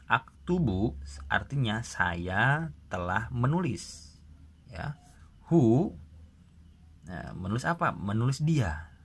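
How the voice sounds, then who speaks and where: A man's voice: mid-range voice, creaky, breathy edge. A man teaching Arabic grammar, explaining step by step and checking in with his students after each example. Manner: explains patiently, with frequent "gitu ya" check-ins. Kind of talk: classroom grammar lesson.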